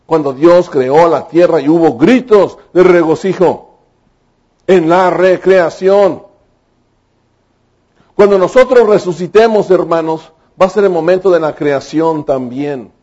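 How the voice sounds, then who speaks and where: High-voiced preacher. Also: male voice, darkish tone. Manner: emphatic, rising to fervent exclamations. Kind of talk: sermon. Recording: dull lo-fi recording.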